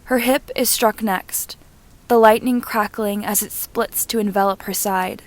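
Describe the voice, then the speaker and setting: As an amateur audiobook narrator, a woman reads fan fiction aloud in short, measured, deliberate phrases, her mid-range voice holding a steady tone.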